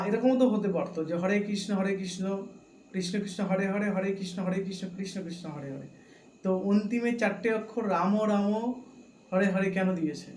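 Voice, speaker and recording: A man explaining a devotional chant in a slow, deliberate talk, chanting the mantra aloud at times. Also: high-pitched, a little mellow, reverberant, a little hiss or hum, poor audio. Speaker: devotional speaker.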